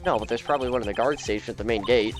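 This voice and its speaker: A man voicing a dry, deadpan young male defense lawyer in a low voice. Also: very fast, faint music behind, close to an everyday voice.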